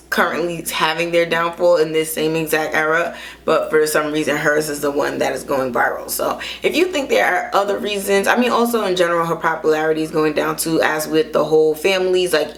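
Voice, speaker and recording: A millennial woman giving casual beauty commentary in a conversational, opinionated way, with slangy phrasing and emphatic points. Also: low voice. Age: millennial, young adult to 30s.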